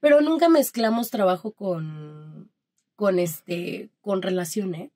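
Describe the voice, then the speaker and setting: A woman's voice: on the low side, slow. A woman with a Mexican Spanish accent, a guest in a casual interview, telling stories and acting out the dialogue in them. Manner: animated storytelling that acts out quoted dialogue.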